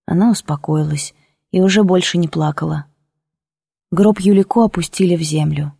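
Woman reading an audiobook, warm dark tone, dry close sound. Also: on the low side, gravelly, husky, dry recording. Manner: measured, emotional storytelling. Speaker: audiobook reader. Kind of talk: first-person audiobook narration.

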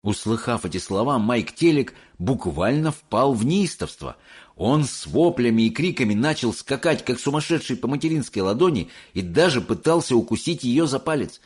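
A man narrating an audiobook in an expressive, measured reading. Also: mid-range voice, husky. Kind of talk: scripted narration.

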